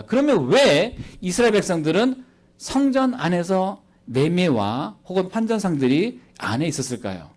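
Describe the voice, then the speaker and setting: This is a sermon by a missionary at church, a man who animatedly and playfully questions the congregation over a handheld microphone. His voice sits high.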